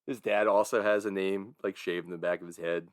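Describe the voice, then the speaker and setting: A man's voice: low voice, steady tone, fairly quick, dry recording. A man co-hosting a casual podcast, wry and dry-humored. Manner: wry, does mocking voices. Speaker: podcast co-host. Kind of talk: casual chat.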